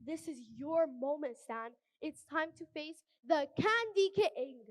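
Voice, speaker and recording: A calm, commanding grandmother figure played by a female actor in a high voice. The sound is dry and close, in children's musical style. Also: slow, no echo. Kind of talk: children's musical theatre acting.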